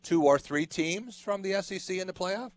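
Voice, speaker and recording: A man's voice: high voice, moderate pace, no room sound. A man hosting a sports radio interview, laying out long hypothetical scenarios for his guest.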